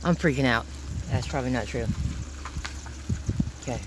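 A woman, chatting excitedly and swearing while filming an abandoned site on her phone. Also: extremely low pitch, normal speed. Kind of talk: casual chat while exploring. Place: outdoors by abandoned buildings and in a car. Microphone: handheld phone. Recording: noisy outdoor phone recording.

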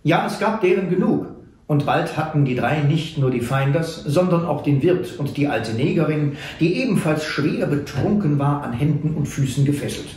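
A man reading an adventure novel aloud in a measured storytelling way. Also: fairly high pitch, darkish tone. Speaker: reader. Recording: echoey room.

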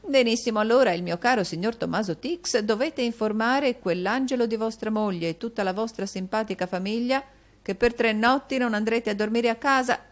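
Woman doing a jovial bailiff guy, breezy, mock-cheerful, brisk. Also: a little high, voice pushed up, natural voice. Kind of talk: audiobook character voicing.

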